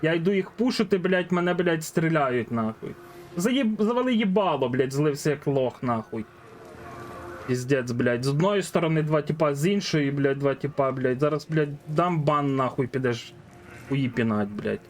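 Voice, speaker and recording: A man's voice: mid-range voice, normal speed, a little hiss or hum. A man streaming a game, ranting at his chat and teammate with constant swearing in a Ukrainian accent. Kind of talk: angry gaming stream chat.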